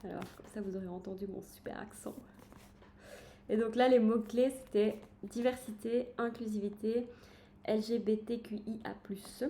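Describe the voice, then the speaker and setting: A woman talking on a casual book-review livestream, chatty and eager, stopping often to find her words. Her voice is mellow and warm, with a faint hiss behind it. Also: fairly high pitch, steady tone, normal speed. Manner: chatty and enthusiastic, frequent hesitations. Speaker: book streamer.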